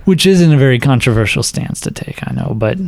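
A man co-hosting a podcast about movies, chatting casually and joking, quick to laugh. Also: mid-range voice, no echo. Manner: animated, joking, laughs often. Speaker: podcast co-host.

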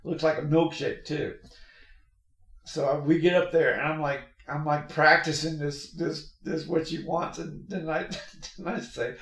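A man's voice: a little high, level tone, a little slow, fairly bright tone. A middle-aged man hosting a podcast, rambling through stories in a casual chat with plenty of restarts and laughs. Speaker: podcast host. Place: work shop with machines. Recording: roomy echoey shop recording.

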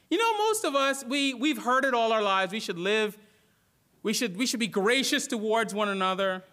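A man from the Bahamas preaches in a church, his voice pitched high for a man. He speaks earnestly, asks his listeners questions and often restarts his words. The tone is bright and forceful. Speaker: pastor. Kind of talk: sermon.

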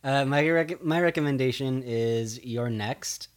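A man's voice: mid-range voice, unhurried. A man co-hosting a podcast in casual chat, talking enthusiastically about films. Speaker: podcast co-host.

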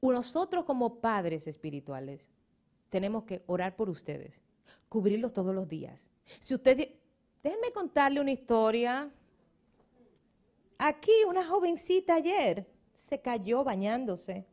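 A woman's voice: fairly high pitch, a little slow. A middle-aged woman pastor, preaching and telling stories with emphasis and dropping in English words. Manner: animated storytelling, emphatic, slips into English words. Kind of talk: sermon.

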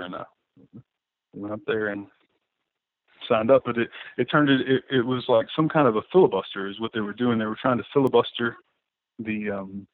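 In a casual interview, a male guest artist with a medium-pitched voice rambles, full of fillers and restarts. There's no echo, but the line sounds tinny, like a phone.

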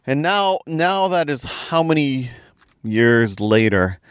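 A man's voice: medium pitch, slow, clean tone, dry recording, studio quality. A man co-hosting a travel vlog, chatting and joking with friends in a car. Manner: joking, teasing, lively. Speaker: vlog co-host. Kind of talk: casual chat.

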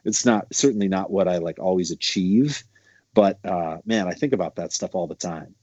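A man in his thirties from Montana, a bass player talking loosely with lots of fillers. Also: moderate pace, darkish tone, dry recording, lo-fi sound. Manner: loose, rambling storytelling with many fillers. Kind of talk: casual conversation.

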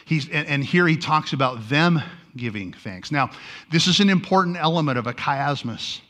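Bright-voiced man teaching a sermon. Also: a little high, animated, normal speed. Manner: conversational, restarts often, wry asides to the congregation. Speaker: pastor.

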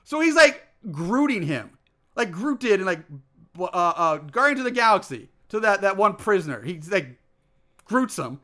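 A man with a high, bright voice recaps a movie as a podcast co-host. His delivery is casual and halting, slipping into quoted lines as he goes. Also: very animated.

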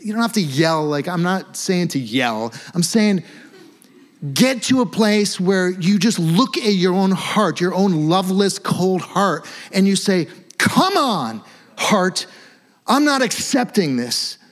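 Casting: male pastor, middle-aged, somewhat higher voice, impassioned sermon delivery with a plainspoken, conversational edge. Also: unhurried. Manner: conversational and informal, repeats phrases for emphasis; fervent, impassioned exhortation.

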